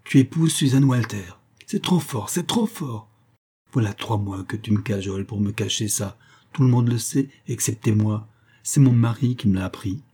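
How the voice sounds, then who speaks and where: A man's voice: lowish voice, steady tone, moderate pace, warm tone, slightly rough. A man reading an audiobook, voicing a furious, betrayed woman who scolds her lover with indignant scorn. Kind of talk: audiobook character voice.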